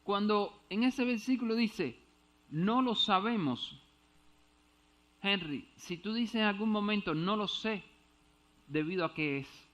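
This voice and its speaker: A man's voice: high-pitched, measured pace, a bit bright. A male preacher teaching a Bible passage in a church, explaining step by step, checking whether he is understood and stumbling over Greek words.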